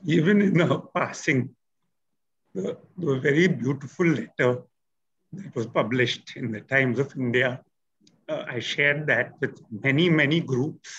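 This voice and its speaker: A man overcome with emotion speaks at a memorial, stumbling over his first words and pausing often. His voice is husky and slow. The recording sounds dull and lo-fi. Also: mid-range voice, a bit bright. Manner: halting, stammering restarts. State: choked with emotion.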